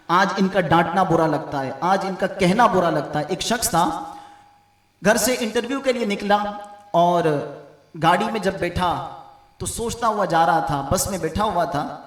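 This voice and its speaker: A man delivers a sermon, weaving a moral story and speaking straight to his brothers in the audience. His voice sits high. The sound comes from far off in a reverberant hall. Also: a bit bright. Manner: storytelling, addresses brothers directly. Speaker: preacher. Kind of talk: religious speech at a mehfil.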